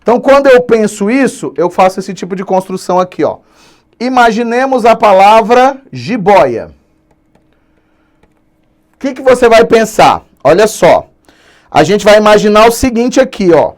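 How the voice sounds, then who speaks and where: A man's voice: high voice, animated, normal speed. A man with a Brazilian Portuguese accent teaching an online grammar lesson, playful and drawing out key words for emphasis. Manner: playful, slips in English and Spanish words.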